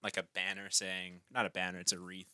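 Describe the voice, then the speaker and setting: A man co-hosting a podcast in casual chat, relaxed and full of "um" and "like", recorded at an outdoor fire pit. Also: low-pitched, fairly quick, clear, resonant tone, no echo, studio quality. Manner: relaxed, many fillers like "um" and "like". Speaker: podcast co-host.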